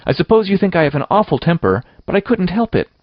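A man's voice: high-pitched, big pitch swings, quick pace, no echo, muffled recording, pitched above the performer's own voice. A man voicing a passionate, stubborn young girl in a storybook, with a melodramatic, tearful, defiant manner. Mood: tearful, wailing.

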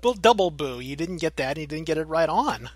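A man's voice: a little high, expressive, a little fast, no echo. A man hosting a casual podcast, teasing his co-host playfully and giggling often, on a close mic.

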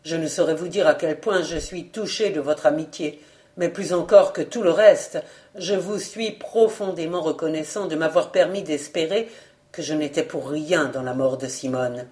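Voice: mid-range voice, normal speed, a little mellow, natural voice. A reader voicing an anxious young male reporter in an audiobook, speaking in a subdued, earnest way. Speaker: newspaper reporter in a novel. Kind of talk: audiobook character reading.

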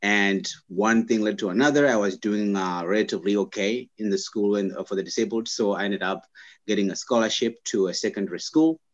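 Soft-spoken man from Zimbabwe. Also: lowish voice, muffled recording. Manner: halting, many "uh" fillers and restarts. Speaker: guest, scientist. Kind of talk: casual interview talk.

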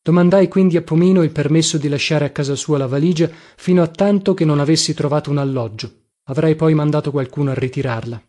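Male audiobook reader, fairly high voice, mellow tone, measured and reflective first-person narration. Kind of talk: scripted literary narration.

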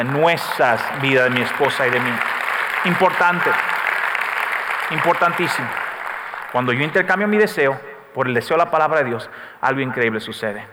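A middle-aged man preaching a sermon as pastor. He tells stories, swells to loud calls and drops to soft asides. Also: a little high. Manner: preaching with sudden rises and soft dips, storytelling asides. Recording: echoey hall, faint room noise.

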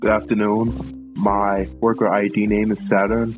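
Monotone low man, dull lo-fi recording. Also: measured pace, music in the background. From Brooklyn, New York. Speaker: college student.

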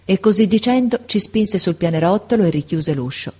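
A woman narrating a storybook in a measured, unhurried reading voice. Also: mid-range voice, expressive, darkish tone, husky. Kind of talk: scripted audiobook narration.

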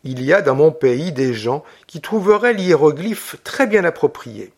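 A man's voice: a little high, lively intonation, a little slow, slightly rough, heavily acted. A man reading an audiobook, voicing a witty, teasing young English lady with a playful, lightly mocking manner. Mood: earnest.

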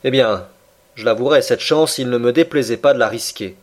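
A man in the middle of his range reads a classic adventure novel aloud. His delivery is steady and measured, the voice of an audiobook narrator. His tone stays even through long descriptive passages. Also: medium pitch.

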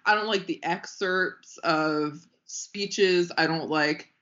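A woman co-hosting a casual podcast, opinionated and quick to laugh. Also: lowish voice, a bit bright, lo-fi sound. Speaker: podcast co-host.

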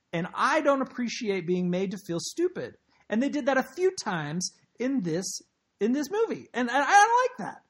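A male podcast co-host talks in a husky, slightly breathy voice. He tells his stories in an excitable, emphatic way. His casual chat comes through a remote call connection. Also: high voice.

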